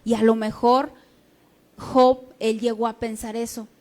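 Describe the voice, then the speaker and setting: A woman delivers a sermon in a high voice. She teaches in a conversational way, often pausing to ask her congregation whether they follow. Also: little pitch movement, a little mellow. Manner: conversational teaching with frequent checking questions. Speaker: preacher.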